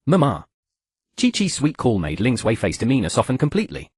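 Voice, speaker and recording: A man narrating a novel as a scripted audiobook, in a fast, animated storytelling manner. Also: mid-range voice, husky, no echo, clean studio sound.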